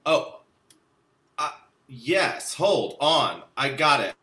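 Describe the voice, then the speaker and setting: A man's voice: a little high, very animated, extremely slow, sharp tone. A man joining a casual video call as a guest performer, his voice echoing back from a second device playing the stream. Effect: echo from a second device playing the stream. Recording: echoey doubled video call audio.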